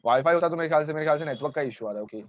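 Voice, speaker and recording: A man teaching a chemistry class live online in Hindi, explaining step by step and pausing to answer student questions, with a sore throat. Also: fairly high pitch, dry recording, lo-fi sound. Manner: talks to students, breaking off to answer chat complaints. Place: home, streaming over mobile data.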